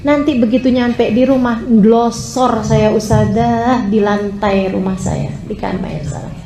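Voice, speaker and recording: A woman voicing a remorseful young woman who confesses her partying days in a low, subdued tone. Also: fairly even intonation, slow, echoey room, crowd noise. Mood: sorrowful.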